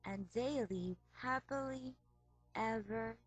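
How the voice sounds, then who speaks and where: A woman reading a fairy tale aloud as storyteller, slow and careful. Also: on the high side, no room sound, soft background music, poor audio.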